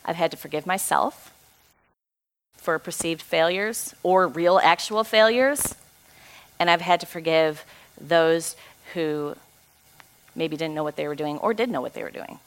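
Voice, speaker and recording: A woman's voice: deep voice, measured pace, long pauses. Woman in her forties, church encourager, earnest and folksy, leads a short prayer. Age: 40s. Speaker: ministry co-founder speaking to a church group.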